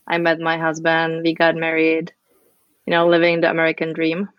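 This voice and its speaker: A woman's voice: low-pitched, completely flat delivery, normal speed, dry recording, lo-fi sound. A woman in her early thirties with a Czech accent, a podcast guest chatting casually in English as a non-native speaker. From Czech Republic. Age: early 30s. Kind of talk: casual conversation.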